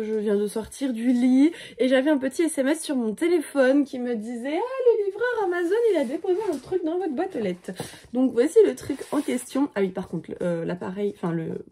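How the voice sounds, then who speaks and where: A young woman chatting casually to her phone camera at home in a book vlog, playful and prone to excited squeals. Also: a little high. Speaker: book vlogger. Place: at home, indoors.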